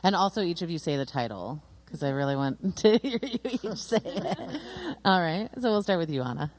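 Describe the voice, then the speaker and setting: Friendly woman interviewer, lowish voice. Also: very animated, moderate pace, darkish tone. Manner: friendly, laughing. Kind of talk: interview questions.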